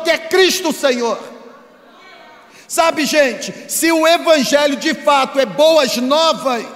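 Delivering an emphatic sermon to his congregation, a Brazilian preacher uses repetition to build rhetorical force. His very high-pitched voice has a fairly bright tone and echoes with the long reverb of a big hall.

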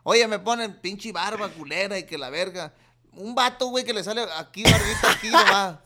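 A man's voice: high voice, moderate pace, a crowd in the background. A young man, telling crude, slangy stories as a podcast host in casual chat. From Mexico. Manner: slangy, crude, joking storyteller.

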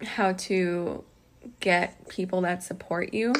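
A young woman chatting casually with a friend, soft-spoken and laughing often. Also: on the low side, steady tone, slow pace, slight background noise. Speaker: guest friend. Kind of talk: casual chat.

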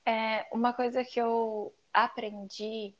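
A woman's voice: a little high, flat delivery, slow pace, muffled recording. A Brazilian woman co-hosting a casual podcast, speaking in a reflective, personal way and repeating phrases for emphasis. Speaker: podcast co-host.

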